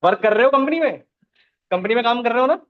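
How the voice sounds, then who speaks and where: A man's voice: extremely high pitch, lively intonation, fast talker, phone-quality sound. A man teaching a live programming class, explaining step by step and often checking that the students follow.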